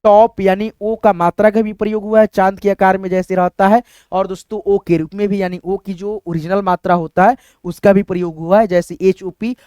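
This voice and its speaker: A man teaching a patient phonics lesson in a high, smooth, resonant voice. He keeps asking his students questions and then answers them himself. The sound is close and dry. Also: little pitch movement, normal speed, hardly any pauses, a little mellow, no echo. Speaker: English teacher.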